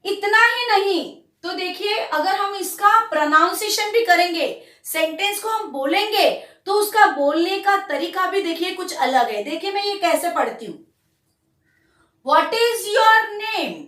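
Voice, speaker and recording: A woman teaching a grammar lesson to children, speaking slowly and deliberately as she reads example sentences aloud. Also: very high voice, lively intonation, a bit bright, far from the mic. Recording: roomy echo, away from the mic.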